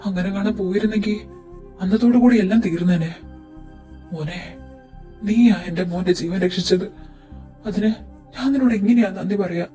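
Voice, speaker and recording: A man's voice: high voice, normal speed, long pauses, warm tone, natural voice. A man voicing a relieved, superstitious father who gives heartfelt thanks. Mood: grateful. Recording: roomy, distant recording with music.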